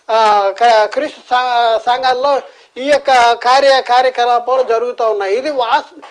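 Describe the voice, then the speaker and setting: A man from India preaches in Telugu-accented speech with a high, light voice. He is earnest and keeps asking the listeners rhetorical questions, with restarts along the way. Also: low-quality recording. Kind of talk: sermon.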